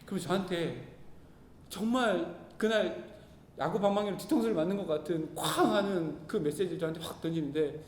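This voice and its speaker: High-voiced man preaching in an echoey hall. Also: moderate pace. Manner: earnest, storytelling, acts out his own quoted words. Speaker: pastor. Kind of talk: sermon with personal story. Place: church hall. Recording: echoey hall, faint rumble.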